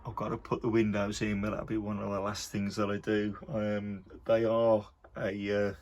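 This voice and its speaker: A man's voice: lowish voice, monotone, moderate pace, a little mellow. A man with a Birmingham accent talking casually about his model build in a home workshop, with many ums and uhs. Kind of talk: casual video diary.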